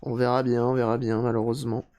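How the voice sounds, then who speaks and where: A man with a French accent chatting casually with viewers during a live stream, repeating his phrases and speaking haltingly whenever he switches to English. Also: mid-range voice, little pitch movement, a little mellow. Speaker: streamer restoring retro game hardware.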